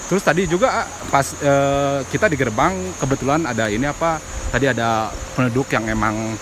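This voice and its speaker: Man vlogging amid loud night insects. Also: medium pitch, normal speed. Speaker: vlog host. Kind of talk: casual night exploration vlog commentary. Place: outdoors on a steep forest trail at night. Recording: very noisy outdoor night recording. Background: loud crickets and night insects.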